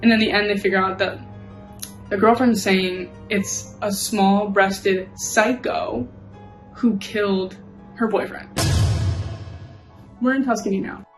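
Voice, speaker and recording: A woman's voice: mid-range voice, steady tone, slow pace, long pauses, soft background music, rough recording. A woman casually recapping a TV episode, rambling and saying "like" constantly. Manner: rambling, peppered with "like". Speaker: show recap host.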